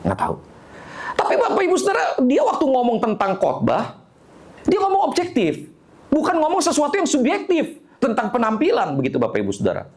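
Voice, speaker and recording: A man, a pastor telling a humorous story in an animated sermon. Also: very high voice, fairly quick.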